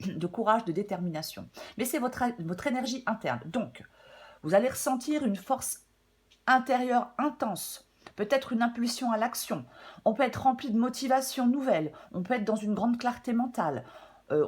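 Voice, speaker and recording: A slightly hoarse woman giving a casual, chatty weekly tarot reading, with many fillers and some throat clearing. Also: mid-range voice, darkish tone. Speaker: tarot reader.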